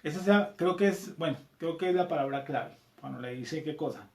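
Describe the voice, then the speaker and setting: Colombian guy teaching a bible class, reads verses then repeats em, kinda high voice, echoey room. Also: moderate pace, darkish tone. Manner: reads verses aloud, repeats them, checks in with "¿cierto?". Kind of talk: scripture class, reading and explaining.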